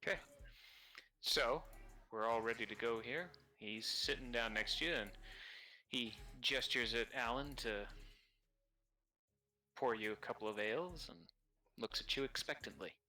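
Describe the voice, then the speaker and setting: A man running a tabletop role-playing game as dungeon master, describing scenes in measured narration. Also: medium pitch, bright, forceful tone.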